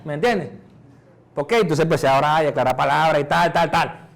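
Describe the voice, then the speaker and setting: A middle-aged Venezuelan man preaching a sermon as pastor, conversational, dropping softer to act out prayers. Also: on the high side, brisk, vocal fry. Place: church.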